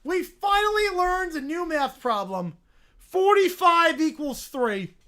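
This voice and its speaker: A woman giving casual livestream reaction commentary, excitable and mocking, often gleefully repeating phrases. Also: very high-pitched, slow pace. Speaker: livestream host reacting to videos.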